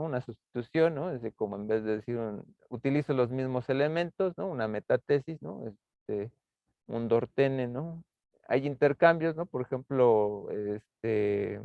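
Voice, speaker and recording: A man's voice: medium pitch, gravelly, no echo. Man lecturing over a tinny line. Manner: halting, many fillers and tag questions. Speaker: university lecturer. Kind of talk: lecture explaining rhetorical figures. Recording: tinny phone-like online class audio.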